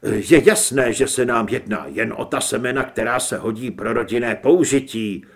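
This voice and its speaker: A man's voice: mid-range voice, gravelly, breathy edge, voice pushed down. A male narrator voicing an eager, businesslike middle-aged merchant who sounds ingratiating.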